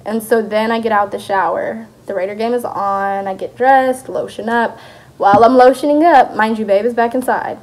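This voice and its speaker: A woman's voice: fairly high pitch, steady tone, normal speed, a little mellow. A young woman casually telling a personal story as a vlogger, chatty and acting out the dialogue of people in it. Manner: chatty, acts out quoted dialogue.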